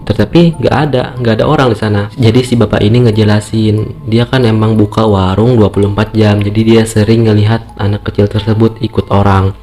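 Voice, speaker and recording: With music playing underneath, a man with a warm, fairly low voice spins a horror tale casually, voicing characters' lines and repeating phrases to drive points home.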